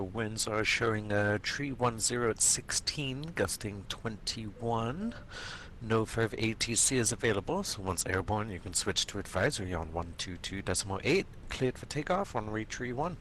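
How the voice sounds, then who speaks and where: A man speaking as an air traffic controller, heard as a radio transmission in a pilot's headset, in clipped, measured phraseology. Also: fairly low pitch, animated, fairly bright tone.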